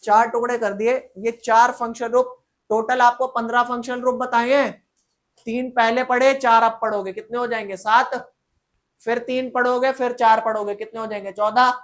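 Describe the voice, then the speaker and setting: A man's voice: very high-pitched, fairly bright tone. A male teacher giving a casual chemistry lecture, quizzing the class over and over and answering himself in a slangy, teasing way.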